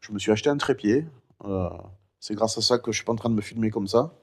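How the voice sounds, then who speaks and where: A middle-aged man talking casually in a vlog, rambling and chatty with many fillers; one vocal cord is impaired, so he has no high head voice. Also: fast. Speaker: vlogger recounting his cancer.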